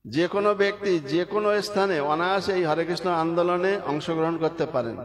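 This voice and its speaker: A man's voice: sits high, brisk. Man preaching over a crowd. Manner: storytelling, leads chanting. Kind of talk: devotional sermon. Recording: crowd noise behind.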